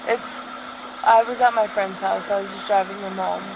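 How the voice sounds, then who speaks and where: A woman's voice: medium pitch, fairly even intonation, normal speed, creaky. A woman in her early twenties from Pennsylvania, heard as body cam audio, giving short hesitant answers as a driver stopped by police. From Pennsylvania, United States. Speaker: driver pulled over by police. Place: outdoors at a roadside traffic stop. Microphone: picked up by officer's body camera. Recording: noisy body camera audio, outdoor vehicle hum.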